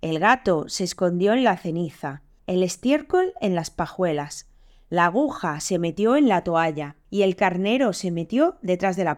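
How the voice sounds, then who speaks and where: Woman storyteller, animated folk-tale reading, voices for each animal. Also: on the low side. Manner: lively, changes voice for each animal.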